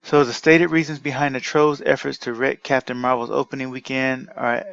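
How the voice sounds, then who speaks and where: A man with a gravelly, fry-laden voice reads an article aloud and rebuts it line by line, indignant and argumentative, often breaking off to restart his sentences. The sound is dry and a little dull, close to the microphone. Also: mid-range voice, flat delivery, normal speed, fairly bright tone, no echo. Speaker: commentary vlogger.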